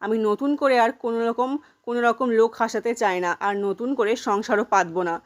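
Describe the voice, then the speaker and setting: A woman's voice: fairly high pitch, a little fast, close to an everyday voice. Woman reading a defiant middle-aged mother.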